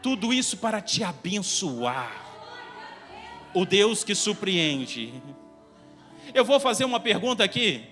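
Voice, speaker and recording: A man with a Brazilian Portuguese accent preaching a sermon as a pastor in a church, fervent and repetitive, building up to shouted peaks. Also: high-pitched, long reverb tail. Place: church sanctuary.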